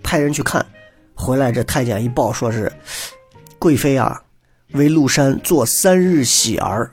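A man telling a historical story in a lively, chatty lecture style, acting out the characters' lines and turning to the audience with asides. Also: mid-range voice, unhurried, slightly rough, faint music behind.

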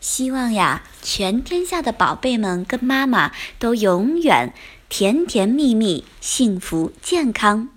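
A young woman reading a children's story aloud in a gentle, sing-song, expressive manner. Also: a little high, slow. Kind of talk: scripted storybook narration.

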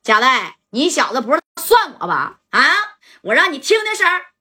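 A woman's voice: sits high, very animated, moderate pace, pushed and bright, slightly rough, full character voice. A woman voicing a menacing, brash male gang boss who taunts and threatens.

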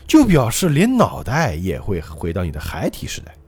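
A man's voice: sits low, huge pitch swings, moderate pace, a little mellow, husky, voice pushed down, heavily acted. A man voicing a sadistic grown man who gloats over bullying children, in a smug, sneering manner. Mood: gloating.

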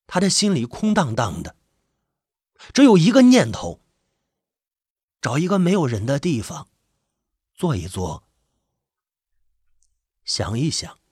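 A man with a husky voice, reading a suspense story in measured, expressive narration. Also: a little high, dry recording, clean studio sound.

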